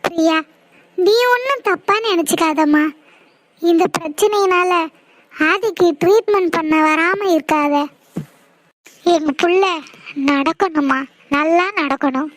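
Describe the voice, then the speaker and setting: A woman voicing a kind, worried middle-aged mother in a cartoon, talking gently and pleading. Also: extremely high pitch, slow, pauses often, no echo, low-quality recording. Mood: soothing. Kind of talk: cartoon voice acting.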